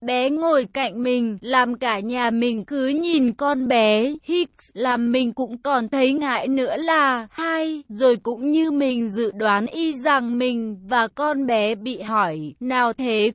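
A woman's voice: fairly high pitch, takes it slowly, few pauses, no echo. A woman reading an online love story aloud in a casual, slangy first-person narration. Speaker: story reader.

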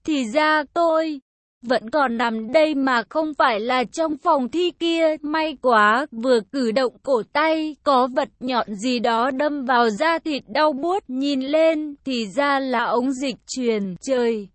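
Female narrator, high and slow, dry close read of a story. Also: no room sound. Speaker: story reader. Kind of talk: first-person story narration.

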